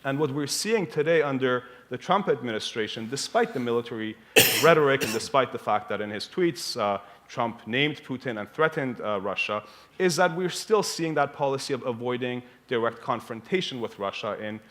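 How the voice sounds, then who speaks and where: Man at a conference panel. Measured, analytical delivery with the odd "uh", mid-pitched voice. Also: animated, a bit bright. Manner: measured analytical argument with fillers. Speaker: panel speaker. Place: conference hall.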